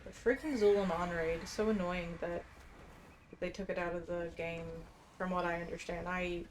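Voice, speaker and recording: A game streamer with a fairly low, steady voice speaks at a moderate pace as she casually comments on her play. She muses to herself and reads bits of quest text, over faint background noise and game ambience.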